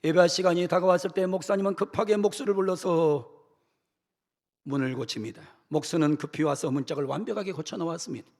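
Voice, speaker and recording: A middle-aged pastor with a slightly high voice preaches a church sermon recorded with long hall reverb. He acts out quotes dramatically, breaking into shouted outbursts and then slowing into pleading phrases.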